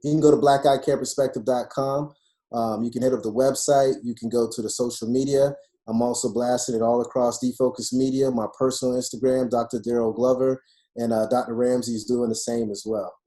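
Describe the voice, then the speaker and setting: A man's voice: mid-range voice, flat delivery, brisk, warm tone. A man, an optometrist guest in an interview, speaking emphatically and persuasively with frequent "you know"s. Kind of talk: conversational interview talk.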